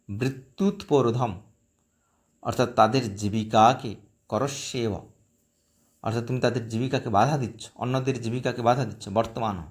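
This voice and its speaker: A man teaching a Sanskrit text in a recorded lesson, slowly reciting each phrase syllable by syllable and then explaining it. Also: medium pitch. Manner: slow, careful syllable-by-syllable recitation.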